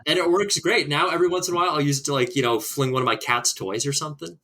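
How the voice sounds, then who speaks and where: A man's voice: on the high side, very fast, pushed and bright. A man from Minnesota chatting casually as a podcast guest, rambling and friendly with lots of fillers.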